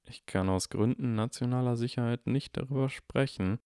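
A man reading an audiobook and voicing a clever, cheeky eleven-year-old boy who talks quickly and pleads and protests. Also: medium pitch, dark tone, clean tone, no echo, studio quality, natural voice. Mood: evasive.

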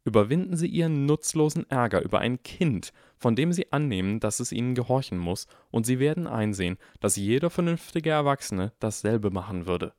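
A man's voice: medium pitch, lively intonation, brisk, few pauses, darkish tone, no room sound, clean studio sound, pitched above the performer's own voice, natural voice. A man voicing a clever eleven-year-old boy who talks in a cold, icy and precise way in an audiobook. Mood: cold demanding.

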